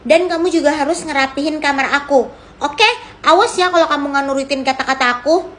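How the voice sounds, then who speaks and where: A woman's voice: high voice, a little fast, fairly bright tone. A woman voicing a bossy, scornful young woman who talks in a demanding, mocking way in a homemade drama.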